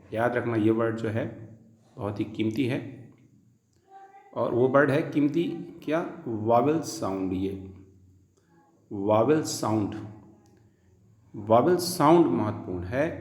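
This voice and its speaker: A man's voice: medium pitch, a little mellow. Man teaching in an echoey room. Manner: repeats key terms slowly and deliberately. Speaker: English teacher. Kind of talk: explanatory lesson.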